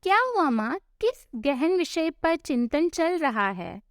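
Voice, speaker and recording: A woman's voice: high voice, very animated, slow pace, no echo, clean studio sound, full character voice. A woman voicing a teasing grown son. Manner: teasing, mock-grand.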